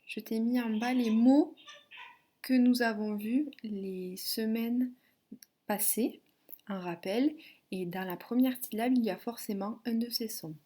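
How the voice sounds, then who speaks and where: A woman teacher giving a phonics and spelling lesson to a child, dictating syllables slowly and clearly. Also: on the high side, warm tone. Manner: slow, clearly articulated dictation.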